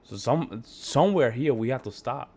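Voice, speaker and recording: A man's voice: mid-range voice, expressive, moderate pace, a little mellow, husky. A man from Puerto Rico giving casual, emphatic reaction commentary. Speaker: reaction video host.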